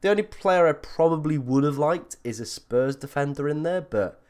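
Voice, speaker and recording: A male livestream host talks in a chatty, informal way. His voice is croaky and froggy, as he is ill and under the weather. He is self-deprecating as he addresses his viewers. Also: on the high side, moderate pace, a little mellow. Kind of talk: casual livestream chat.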